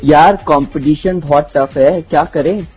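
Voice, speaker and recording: A man's voice: a little high, racing, darkish tone, husky, soft background music, poor audio. A man with an Indian accent co-hosting a show with chatty banter, switching between languages. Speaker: co-host.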